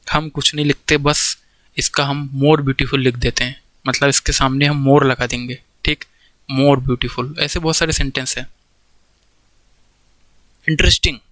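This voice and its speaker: A male teacher works slowly through a grammar class, repeating examples and pausing to ask whether the point landed. His voice sits at a middle pitch and is recorded close and dry, with no room sound. The pace is patient and classroom-like. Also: a bit bright, dry recording, low-quality recording. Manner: explains step by step, keeps checking understanding with "theek hai".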